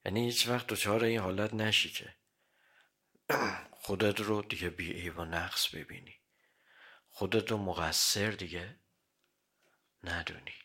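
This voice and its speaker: Bright-voiced man preaching a sermon. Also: lowish voice, steady tone, long pauses. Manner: quotes Arabic hadith then explains in plain Persian; clears throat often. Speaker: cleric. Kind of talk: religious sermon.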